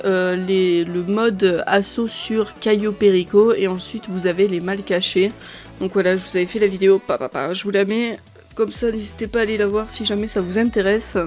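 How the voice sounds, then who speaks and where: A woman's voice: medium pitch, a little mellow. A woman presenting a casual gaming news rundown, listing items in a chatty way with frequent fillers. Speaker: gaming video creator.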